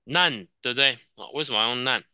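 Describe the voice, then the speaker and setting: Bright-voiced Taiwanese man teaching Japanese. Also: mid-range voice, fast talker, smooth, no room sound. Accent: Taiwanese Mandarin. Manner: patient, repeats answers, frequent "哦" tags. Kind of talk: classroom teaching with student drills.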